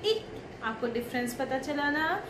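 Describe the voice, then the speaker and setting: Woman kindergarten teacher, high voice, slow deliberate pace, drawn-out syllables. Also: noisy background. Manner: slow, drawn-out syllables, repeating sounds for children to copy. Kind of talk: online class lesson for young children.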